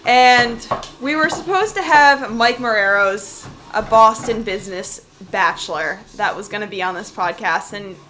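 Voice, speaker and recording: A woman's voice: medium pitch, unhurried, bright, forceful tone. A woman hosting a casual chat podcast, chatty and laughing often, recorded live in a busy room. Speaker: podcast host. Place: busy room at a live pre-game party. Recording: noisy room.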